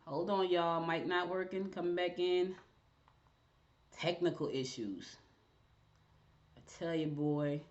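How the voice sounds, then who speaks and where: A woman's voice: fairly low pitch, slow pace, long pauses, dull audio. Chatty woman hosting a stream. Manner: chatty, talks to viewers while fixing tech. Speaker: show host. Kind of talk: casual live-stream interview.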